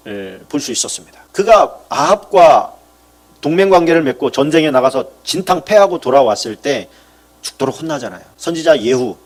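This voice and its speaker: A male pastor preaching a sermon, asking the congregation questions and acting out short bits of dialogue. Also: a little high. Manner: lively preaching, rising to loud emphatic peaks and dropping to quiet asides; acts out dialogue in character voices.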